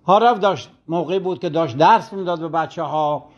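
A man's voice: fairly high pitch, highs cut off. A man who teaches religion, telling a moral story in a sermon on a broadcast and acting out the quoted complaints.

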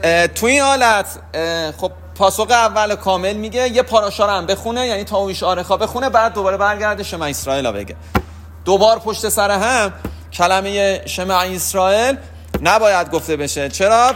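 High-pitched man; patient religious teacher who explains step by step and answers his own questions. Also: a bit bright, a little hiss or hum. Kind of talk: spoken lesson on prayer rules.

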